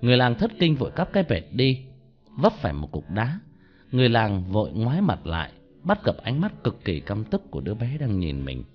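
Man telling a dark ghost story. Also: mid-range voice, wildly swooping pitch, a little fast, muffled recording, soft background music. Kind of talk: spoken ghost story narration.

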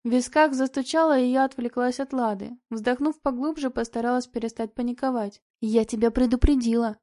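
A woman reads a novel aloud in the first person, steady and expressive. Her voice sits a little high, with a mellow, unforced tone. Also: a little fast. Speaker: audiobook narrator. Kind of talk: scripted first-person narration.

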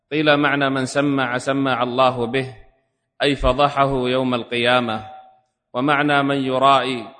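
Male student reader, mid pitch, flat delivery, reverberant mosque. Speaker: student reading the text aloud to the sheikh. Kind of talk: formal reading of a classical text. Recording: long reverb of a mosque hall.

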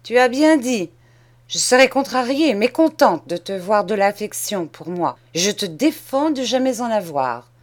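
A woman reading aloud and voicing a greedy, harsh old woman who scolds a boy in sharp, shrill outbursts. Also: sing-song, unhurried. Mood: scolding angry. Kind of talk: audiobook character reading.

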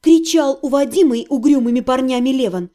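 A woman narrating a first-person fantasy audiobook in an expressive, lively reading. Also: sits high, fairly quick.

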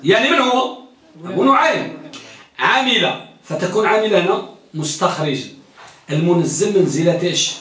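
High-voiced male teacher in echoey hall. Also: lively intonation, normal speed, a bit bright. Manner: quizzes students and repeats key phrases. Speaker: teacher of hadith studies. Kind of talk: classroom lecture. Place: lecture hall or classroom. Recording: very echoey room, distant mic.

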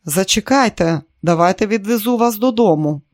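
An audiobook reader voicing a smooth, seductive man who talks in a soft, coaxing way. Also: high voice, expressive, normal speed, pitched above the performer's own voice. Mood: insistent.

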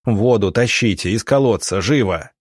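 A man's voice: on the low side, normal speed, no room sound, studio quality, close to an everyday voice. A man playing a determined young country doctor. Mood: commanding. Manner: terse, resolute shouts.

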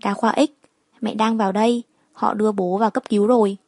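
A woman's voice: mid-range voice, fairly even intonation, brisk, a little mellow, dry recording, lightly acted. Woman voicing a worried mother. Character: worried middle-aged mother in hospital.

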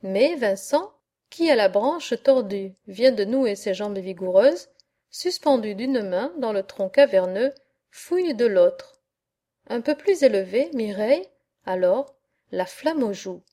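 A woman narrating a literary audiobook in a measured, expressive reading. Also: mid-range voice. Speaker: audiobook reader.

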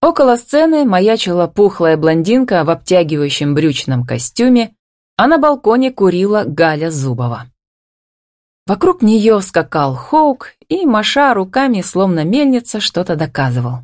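A woman narrating a romance audiobook with an expressive reading. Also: medium pitch, normal speed, no echo, clean studio sound.

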